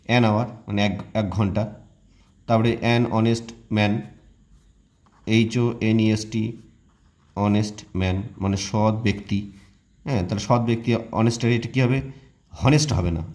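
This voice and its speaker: A man's voice: on the low side, a little mellow. A man whose first language is Bengali, giving a classroom-style grammar lesson as an English teacher. He explains step by step and poses questions that he answers himself.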